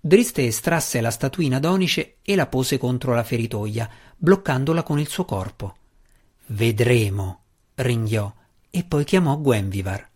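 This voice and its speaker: A man reads a fantasy audiobook from a script, his middle-pitched voice steady and measured. The pace stays even throughout.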